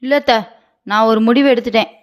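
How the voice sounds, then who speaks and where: A woman's voice: fairly high pitch, fairly even intonation, quick pace, natural voice. A woman voicing a naive, stubborn young wife with big dreams in a cartoon comedy. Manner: stubborn, boastful, childlike.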